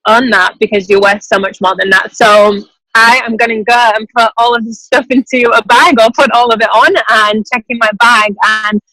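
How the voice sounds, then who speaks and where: A woman's voice: fairly high pitch, level tone, normal speed, sharp tone, dry recording, poor audio. A woman in her twenties from England, enthusiastic and informal, giving a motivational testimonial on a call from an airport terminal. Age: 20s. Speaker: team member giving a testimonial on a group call. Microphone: group video call.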